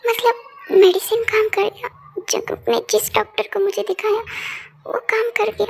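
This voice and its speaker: A woman's voice: extremely high pitch, fairly even intonation, moderate pace, vocal fry, slight background noise. A woman voicing a frightened young wife who stammers and pleads through tears. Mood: amazed. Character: young wife, once blind, easily frightened.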